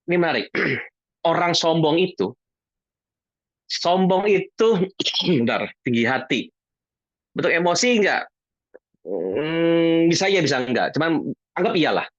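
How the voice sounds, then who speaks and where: A man's voice: on the high side, lively intonation, takes it slowly, pauses often, fairly bright tone, dry recording. A man answering audience questions about emotions in a casual, jokey way, acting out little dialogues. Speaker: guest speaker on emotions. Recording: dull lo-fi online talk audio.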